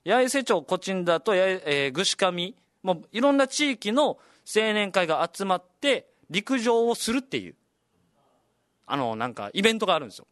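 A young Okinawan man with a high, bouncy voice that swings all over its range, talking as a comedian and radio host. He tells his stories in a casual, chatty way, animated and laughing along. The sound is close and dry. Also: normal speed, no echo. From Okinawa, Japan. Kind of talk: casual storytelling chat.

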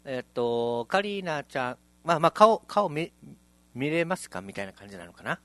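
Male radio host, lively pitch, relaxed teasing. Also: normal speed, no room sound. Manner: laughs often, relaxed teasing. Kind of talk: casual radio chat.

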